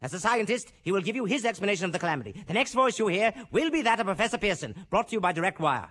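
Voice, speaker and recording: An actor playing a grave, formal American radio newsman in a 1930s old newsreel manner, with urgent, measured phrasing. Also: sits high, big pitch swings, a bit bright, exaggerated voice. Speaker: radio news announcer.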